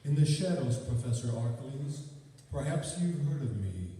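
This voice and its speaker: A man playing a calm, eerie, mysterious avenger in a radio drama, with a deliberate theatrical delivery. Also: mid-range voice, lightly acted. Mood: eerie, knowing. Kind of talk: old-time radio drama stage acting. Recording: distant, echoey hall, hissy live recording.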